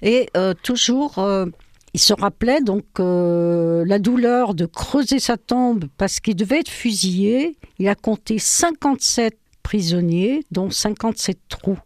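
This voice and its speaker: An older woman from France, whose first language is Ukrainian, recounts her life as an interview guest, hesitant and full of fillers. Her medium-pitched voice is expressive, a little slow and darkish, recorded in studio quality with no room sound.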